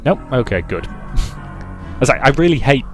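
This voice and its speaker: A man's voice: medium pitch, big pitch swings, unhurried, soft background music. A man hosting a Let's Play, making casual asides as he plays.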